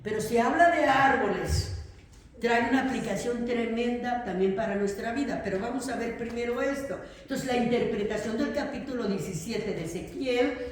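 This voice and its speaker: A woman's voice: on the high side, slight background noise. A woman teaching a theology class, emphatic, often asking questions and repeating her points. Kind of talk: classroom lecture. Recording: very echoey room.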